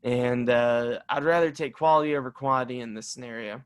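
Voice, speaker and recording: A man co-hosting a casual sports podcast, talking emphatically and reacting with quick disbelief. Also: medium pitch, smooth. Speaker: podcast co-host.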